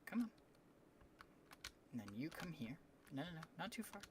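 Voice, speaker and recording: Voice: medium pitch, very animated, moderate pace, noisy background. A streamer chatting casually while playing a game live, cooing at animals and sometimes dropping to a whisper. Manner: drops into a hushed whisper at times. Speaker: livestreamer. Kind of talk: casual gameplay livestream chat. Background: faint keyboard and mouse clicks.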